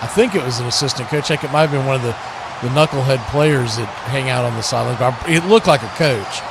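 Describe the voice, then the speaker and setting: Hosting a watch party stream, a man calls a football game play by play and adds casual analysis, chatting conversationally and sometimes correcting himself. His voice is medium in pitch and he talks fast, with a noisy background.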